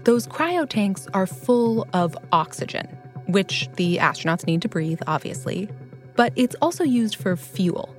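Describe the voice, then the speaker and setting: A woman's voice: mid-range voice, lively intonation, unhurried. A woman narrating a scripted documentary in an informal, explanatory way with emphatic phrasing. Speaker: narrator and host. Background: background music.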